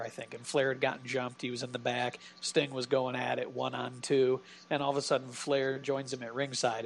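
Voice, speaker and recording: A man's voice: medium pitch, vocal fry, slight background noise. A man co-hosting a podcast, chatting casually and telling rambling stories with laughs. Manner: rambling storyteller, laughs often. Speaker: podcast co-host. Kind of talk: casual chat.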